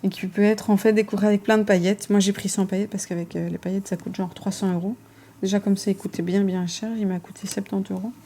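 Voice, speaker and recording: A woman's voice: medium pitch, flat delivery, fast, dark tone, slight background noise. A woman, casually showing her card collection, chatty and hesitant with fillers and self-corrections. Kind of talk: casual show-and-tell.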